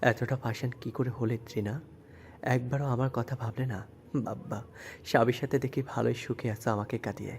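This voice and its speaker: A man's voice: medium pitch, steady tone, normal speed, darkish tone, slight background noise, natural voice. A man playing a heartbroken young former lover, speaking in a mournful, pleading way in an audio story. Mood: bitter. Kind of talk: Bengali audio story acting.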